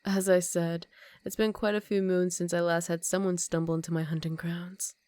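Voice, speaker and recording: An ageless, aristocratic vampire countess, acted by a woman purrs in a lowish voice for an ASMR roleplay. Her phrasing is formal and dramatic, slipping toward whispers, seductive and condescending with a predatory edge. The sound is intimate and dry, free of room echo. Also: level tone, moderate pace, dark tone, lightly acted. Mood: quietly menacing.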